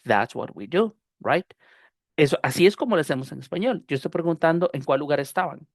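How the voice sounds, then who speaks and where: A man's voice: fairly high pitch, expressive, brisk, no room sound, studio quality. A Spanish-speaking man with a Costa Rican accent, teaching an online English pronunciation class, explaining patiently and often repeating phrases with fillers. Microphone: computer mic on a video call.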